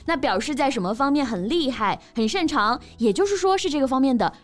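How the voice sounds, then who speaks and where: A woman's voice: sits high, animated, fairly quick. A woman co-hosting a podcast lesson, giving example sentences and pointing out pronunciation in a bilingual teaching chat. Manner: explanatory, stresses pronunciation and gives example sentences. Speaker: podcast co-host and English teacher.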